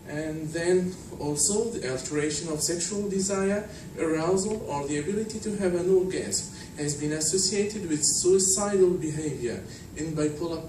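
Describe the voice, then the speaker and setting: A man from Tunisia giving an academic conference talk, measured and explanatory with frequent fillers. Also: on the high side. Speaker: conference speaker. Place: conference hall. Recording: distant, echoey hall with noise.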